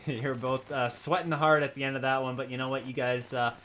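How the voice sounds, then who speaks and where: A man's voice: mid-range voice, flat delivery, moderate pace, fairly bright tone, slight background noise. A man hosting a racing league broadcast, interviewing drivers in an upbeat, rambling way. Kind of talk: post-race interview.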